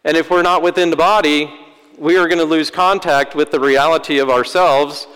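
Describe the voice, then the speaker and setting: A man's voice: fairly high pitch, steady tone, normal speed, a bit bright, clean tone. Male priest preaching, dry self-mocking jokes, church with a long echoey tail. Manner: wry, self-deprecating humor. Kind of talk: sermon. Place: church sanctuary. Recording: long church-hall reverb.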